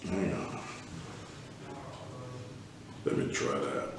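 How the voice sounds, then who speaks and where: A man's voice: extremely slow, distant mic, noisy background. A man hosting an online call, puzzled as he troubleshoots his audio, his voice echoing hollowly as if he were in a tunnel. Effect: hollow echo like a tunnel. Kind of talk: casual live talk to an audience. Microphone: computer on a video call.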